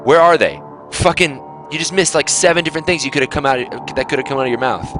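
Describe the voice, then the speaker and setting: A young man lectures his players as their team captain, blunt and full of swearing. His voice sits at an ordinary middle pitch. Faint music plays behind him. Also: fast. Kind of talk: team pep talk.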